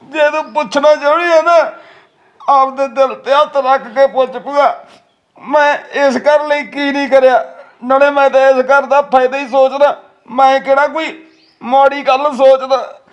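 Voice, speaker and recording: A man's voice: very high-pitched, fairly even intonation, muffled recording. An actor playing a frightened young village man, crying and pleading, with a Malwai Punjabi accent. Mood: tearful. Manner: tearful, pleading, halting. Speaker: nephew in a family drama. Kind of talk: web series acting.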